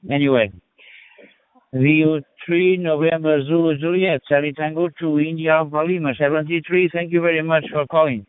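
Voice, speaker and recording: A man's voice: fairly high pitch, fairly even intonation, moderate pace, smooth, no room sound. Man over crackly ham radio. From Portugal. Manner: chatty, friendly, many hesitations. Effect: heard over ham radio with static. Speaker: amateur radio operator. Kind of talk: casual radio contact chat. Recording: narrow phone-like radio audio.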